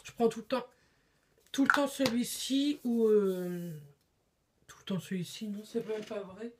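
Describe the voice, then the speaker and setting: A woman's voice: a little high, a little slow, a little hiss or hum. A woman chatting casually on camera in a beauty haul vlog, with lots of hesitations. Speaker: beauty vlogger.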